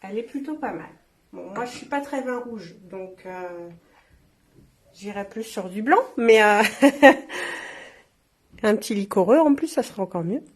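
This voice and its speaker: A woman's voice: mid-range voice, animated, a little slow, pauses often. A woman chatting casually to viewers as she shows off engraved glasses. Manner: chatty, warm asides to viewers. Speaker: shop presenter. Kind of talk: casual product showcase.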